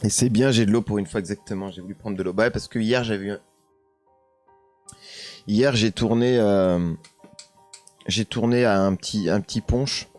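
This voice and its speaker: Low-voiced French streamer, hesitant. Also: male voice, moderate pace, long pauses, darkish tone, faint music behind. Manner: hesitant, many fillers, reads chat aloud and chuckles. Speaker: streamer hosting a paranormal live show. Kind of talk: casual live-stream chat.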